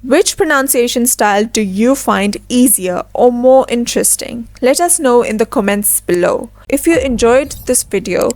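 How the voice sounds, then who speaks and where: A woman with a fairly high voice walks through a scripted pronunciation lesson. She slows down to model each example word with careful, deliberate emphasis. The sound is dry and close, with no room around it. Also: expressive, a little mellow, no room sound. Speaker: English teacher.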